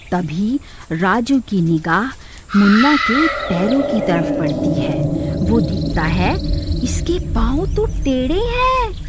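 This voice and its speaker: A woman narrating a cartoon horror story in a slow, deliberate scripted style. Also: mid-range voice, noisy background.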